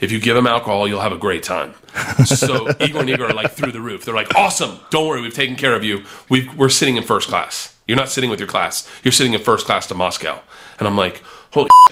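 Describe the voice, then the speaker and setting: Bright-voiced man telling a wild story. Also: mid-range voice. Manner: animated, does voices of people in his story. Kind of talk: casual storytelling.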